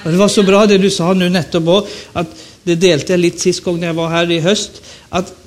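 A Swedish man in his fifties with a Stockholm accent, speaking high with little pitch movement. He's an evangelist at a revival meeting, giving a chatty, joking sermon and often putting questions to the audience.

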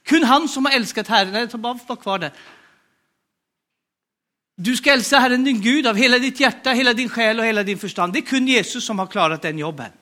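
A man's voice: very high voice, pushed and bright. A man with a Norwegian accent preaching a sermon, emphatic and urging the congregation to respond.

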